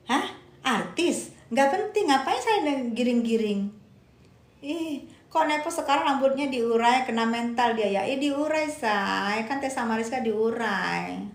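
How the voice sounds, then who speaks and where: A woman's voice: sits high, expressive, measured pace, echoey room. Emphatic woman ranting on a live stream. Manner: emphatic, argumentative, repeats points; reads viewer comments aloud and answers them. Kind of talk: casual live-stream commentary.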